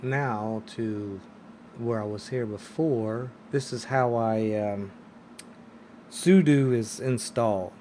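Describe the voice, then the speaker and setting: A man's voice: mid-range voice, takes it slowly, dark tone, a little hiss or hum. A man hosting a casual screen-recorded tech tutorial, hesitant and full of ums and restarts. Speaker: tech video host.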